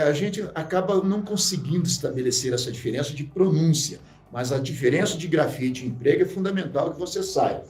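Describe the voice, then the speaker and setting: Male language teacher, slightly high voice, methodical and repetitive, echoey room with faint music behind. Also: darkish tone, recorded from a distance. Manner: slow, deliberate, repeating key points. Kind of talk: livestream grammar lesson.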